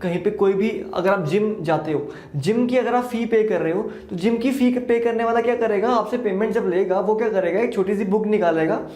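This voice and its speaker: Man, accounting lecture, fairly high voice, echoey classroom. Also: moderate pace, darkish tone. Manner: mixes Hindi and English, asks and answers his own questions. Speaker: accounting teacher. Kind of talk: exam-prep lecture. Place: classroom with a board. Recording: echoey room.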